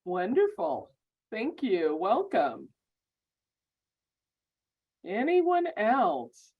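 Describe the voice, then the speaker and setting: A woman giving welcoming remarks at an online orientation on a video call, halting with many ums and repeated words. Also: on the high side, wildly swooping pitch, creaky, slightly rough. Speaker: law school program administrator. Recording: muffled video-call audio.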